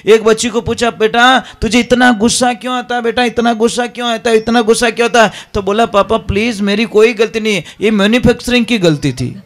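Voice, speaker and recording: Man, preacher, high-pitched voice, emphatic devotional sermon. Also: brisk, hardly any pauses. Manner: emphatic, repeatedly addresses listeners as maharaj. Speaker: religious preacher.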